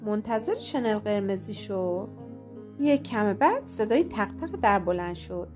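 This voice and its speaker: Expressive woman storyteller over soft guitar. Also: medium pitch. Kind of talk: children's bedtime story narration. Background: soft guitar music.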